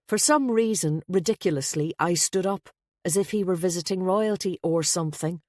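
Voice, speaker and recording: Woman audiobook narrator, low voice, wry introspective first-person telling. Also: moderate pace, a little mellow, no room sound, studio quality.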